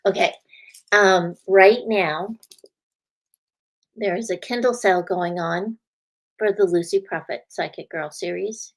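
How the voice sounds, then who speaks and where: In a casual live-stream chat, a woman hosting a spiritual show greets viewers by name and laughs often. Her medium-pitched voice is slightly scratchy tonight, and she talks slowly with long pauses.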